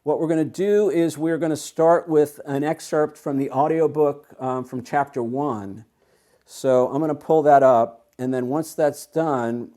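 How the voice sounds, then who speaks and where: A man's voice: mid-range voice, dark tone. A man leading an online self-help workshop over a video call, explaining ideas step by step in an earnest, encouraging way. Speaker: workshop leader.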